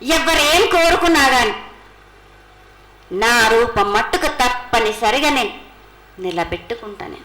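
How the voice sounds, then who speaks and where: A woman's voice: on the high side, expressive, a little slow, pauses often, bright, forceful tone, slight background noise. A woman with a Telangana accent speaking in a prophetic trance voice as a goddess, declaiming blessings and commands in repeated phrases. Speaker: oracle delivering the annual prophecy as the goddess at a temple festival. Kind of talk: ritual prophecy spoken as a goddess. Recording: echoey temple sound.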